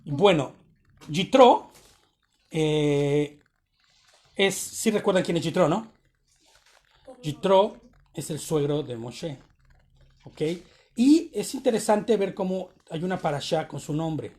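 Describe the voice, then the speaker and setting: A man's voice: a little high, animated, takes it slowly, pauses often, a little mellow. A man giving a conversational sermon on a Torah portion to his congregation, often checking in with short tag questions. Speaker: congregation teacher.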